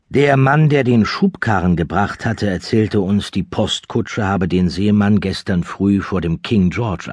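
A man reading an audiobook aloud as narrator, in a lively, expressive storytelling manner. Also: fairly low pitch, slightly rough, dry recording, clean studio sound. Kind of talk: scripted narration.

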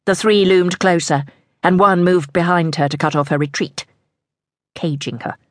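A woman narrating an audiobook in a tense, measured storytelling manner. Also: on the low side, no echo, clean studio sound.

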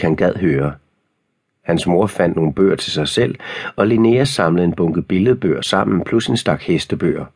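Low husky male narrator. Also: a little mellow. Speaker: audiobook narrator. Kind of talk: scripted narration.

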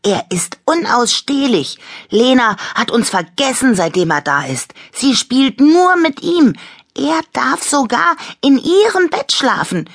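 A woman's voice: sits low, animated, takes it slowly, few pauses, fairly bright tone, slightly rough, dry recording, clean studio sound, heavily acted. A woman voicing a jealous, pouting little toy girl with a whiny, indignant manner, in a storybook reading.

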